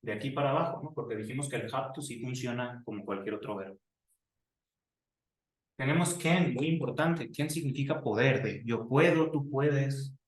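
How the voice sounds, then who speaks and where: A man teaches English grammar in a classroom lesson, going over each example sentence again and again. His voice sits at an ordinary middle pitch. It sounds roomy and somewhat far from the mic. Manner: explains slowly, repeats example sentences.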